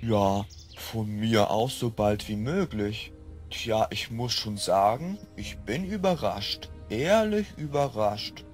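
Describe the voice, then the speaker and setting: A man's voice: fairly low pitch, animated, slow pace, soft background music. A man playing a fawning village father. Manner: hesitant, backpedalling with filler sounds. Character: middle-aged village father, greedy and fawning. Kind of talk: fan-mod game voice acting.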